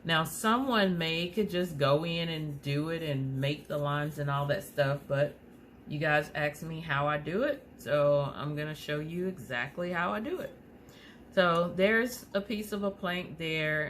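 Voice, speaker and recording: A woman's voice: low voice, fairly bright tone, a little hiss or hum. A woman with a slight lisp from aligner trays, hosting a casual craft tutorial and rambling along with many fillers and restarts. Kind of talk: casual how-to talk.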